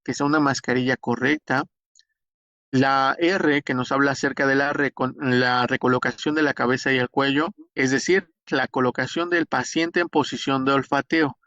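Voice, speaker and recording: A man's voice: mid-range voice, fairly even intonation, moderate pace, sharp tone, dry recording. A man with a Mexican Spanish accent giving a spoken lecture, explaining step by step, with frequent hesitations and restarts. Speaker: instructor. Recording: dull, dry lo-fi recording.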